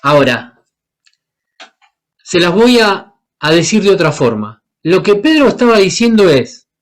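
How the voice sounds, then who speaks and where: A man's voice: high-pitched, sing-song, unhurried. A man from Paraguay, preaching a sermon and asking the congregation questions as he acts out the Bible characters. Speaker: guest preacher.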